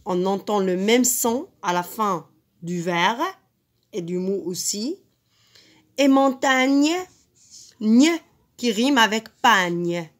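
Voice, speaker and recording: Slow, deliberate woman teaching poetry. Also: medium pitch. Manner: slow, deliberate, stresses each syllable. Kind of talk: reading lesson on poetry.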